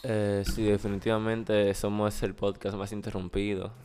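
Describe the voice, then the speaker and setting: A man's voice: fairly low pitch, flat delivery, moderate pace, darkish tone. A man with a Dominican accent co-hosting a podcast, chatting casually and cutting in with slangy interjections. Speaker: podcast co-host. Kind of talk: casual chat.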